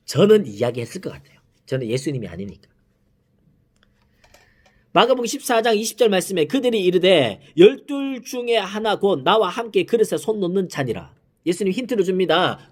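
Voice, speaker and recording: A man in his thirties, a youth pastor, giving a devotional sermon. He acts out the quoted lines in changing voices and sometimes drops to soft, near-whispered asides. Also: on the high side.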